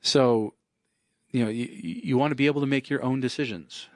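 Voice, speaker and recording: A man's voice: mid-range voice, normal speed, no echo. Wry, chatty lawyer man, dry sound. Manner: wry and conversational, leans on "you know". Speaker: estate planning attorney. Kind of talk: casual spoken monologue.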